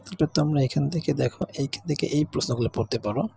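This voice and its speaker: Man, husky voice, teacher, exam revision walkthrough, keeps checking "okay?". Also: fast talker, mellow. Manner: keeps asking "okay?" with a rising pitch; repeats each word twice as he reads.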